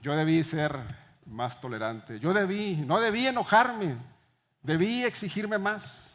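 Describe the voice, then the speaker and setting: A man preaches a sermon in a fairly high voice. He swings from fiery, raised lines to sudden hushed ones, leaning on each word for emphasis. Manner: impassioned preaching with sudden drops to hushed tones. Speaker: pastor.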